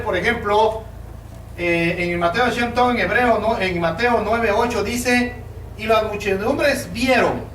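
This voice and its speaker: A man's voice: high voice, fairly bright tone. A man giving a Bible study lecture, using many fillers and asking his listeners rhetorical questions. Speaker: teacher. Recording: roomy, distant mic with faint noise.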